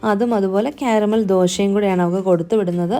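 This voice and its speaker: A woman's voice: medium pitch, steady tone, a little fast, dark tone. A woman vlogger narrating her household day in a chatty, friendly voice-over. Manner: chatty, friendly, often adds a conversational tag to sentences. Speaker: homemaker vlogger.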